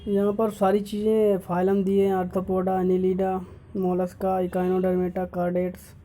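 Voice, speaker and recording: Flat, dark-voiced teacher reading a syllabus. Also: mid-range voice, slow, slight background noise. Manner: lists topics one by one, stopping to correct errors. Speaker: YouTube teacher.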